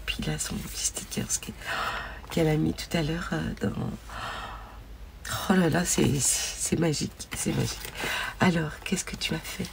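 A woman vlogger opening crafted mail, gushing over each piece and often dropping to a soft whisper. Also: deep voice, fairly even intonation, normal speed, creaky, pauses often. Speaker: scrapbooking vlogger. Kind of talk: casual mail-opening vlog.

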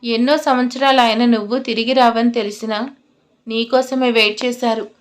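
A woman voicing a caring young man who pleads gently on a phone call between friends. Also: on the high side, fairly even intonation, normal speed, lightly acted. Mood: earnest.

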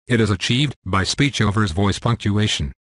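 A synthetic male narrator with a robotic text-to-speech quality and a fairly low pitch. He reads scripted material with crisp, formal diction, and the sound is close and dry without room reflections. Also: normal speed, a bit bright, no echo.

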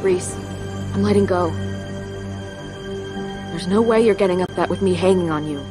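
A woman's voice: lowish voice, moderate pace, over music, natural voice. An actress playing a wry, brave young woman in a video game, casual and teasing. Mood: resigned, calm.

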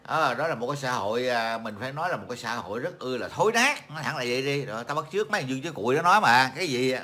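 A man's voice: mid-range voice, expressive, very fast, bright, forceful tone. A middle-aged man from Vietnam hosting a casual livestream chat, rambling and mocking, with many fillers and repeated words. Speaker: livestream host.

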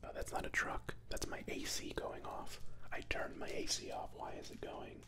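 A young man from Florida whispering a rambling, self-doubting ASMR chat close into microphones. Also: normal speed. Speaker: ASMR creator. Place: small home room with neon lights, indoors. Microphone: two studio mics close on either side.

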